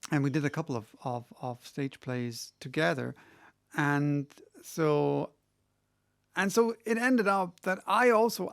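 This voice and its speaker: A middle-aged man, an audiobook reader answering questions, tells a story in a casual monologue, rambling with many restarts. He gets animated retelling a conversation, and his fairly high voice carries vocal fry.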